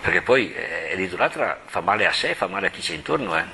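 A man's voice: sits low, sing-song, fast, vocal fry, pushed and bright, a little hiss or hum. A middle-aged male parish priest giving an informal Bible lesson, chatty, with laughing asides and dramatic retellings of scripture.

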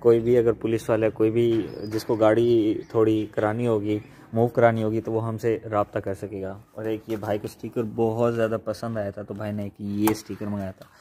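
A man's voice: on the low side, flat delivery, normal speed, dark tone, a little hiss or hum. A young man with a Pakistani Punjabi accent, narrating a casual home vlog while working on a car and directing his family. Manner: chatty, directing family members. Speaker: vlogger. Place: outdoors at a house gate by a car.

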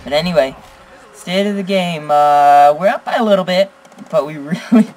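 A teenage boy giving excitable gameplay commentary as a gaming channel host, blurting exclamations and teasing. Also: on the high side, normal speed, poor audio. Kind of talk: live gameplay commentary with chat.

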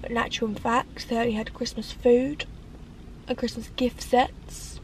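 Chatty high-voiced woman in a car. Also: a little slow, a little hiss or hum, rough recording. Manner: chatty, animated with hand gestures, dramatic sighs. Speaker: vlogger. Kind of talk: casual chat to camera. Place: parked car on a rainy day. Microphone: camera on the dashboard.

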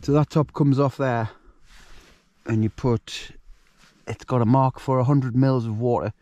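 This outdoor vlogger has a medium-pitched, dark voice with fairly even intonation, speaking a little slowly in a muffled recording with no room sound. Cooking at a nighttime wild camp, he jokes, chats casually, shows his gear and wanders into rambling asides.

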